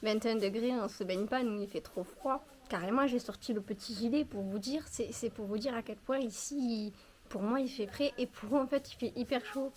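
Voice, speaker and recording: Out on her home terrace, a young woman with a southern French accent from around Perpignan talks to her viewers as she does chores. The vlogger's casual chat is chatty and self-deprecating, delivered at a moderate pace in a fairly high, slightly mellow voice.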